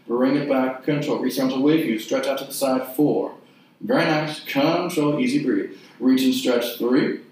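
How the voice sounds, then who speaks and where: A man leading an exercise class, giving short, clipped cues and counting repetitions in a measured rhythm. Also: mid-range voice, darkish tone. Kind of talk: guided mat exercise instruction with counted repetitions. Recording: very echoey room, distant mic.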